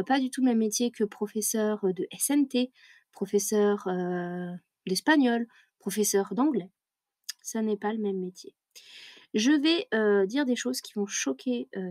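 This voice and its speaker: A woman's voice: medium pitch, a little mellow, no room sound. A woman who teaches French, chatting in a casual vlog, tired at the end of her day, self-mocking, with many fillers and laughs. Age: adult career changer.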